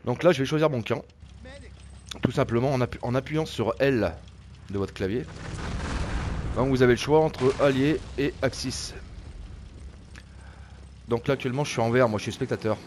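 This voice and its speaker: Male gameplay narrator, mid pitch, halting delivery with fillers, faint noise behind. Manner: hesitant, many fillers and repeated words. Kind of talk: casual gameplay commentary.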